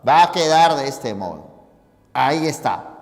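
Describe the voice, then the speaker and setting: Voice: mid-range voice, sing-song, measured pace, in a large hall. A teacher giving a logic lesson, explaining each step and often checking that the students follow. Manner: addresses listeners informally, pointing at the board.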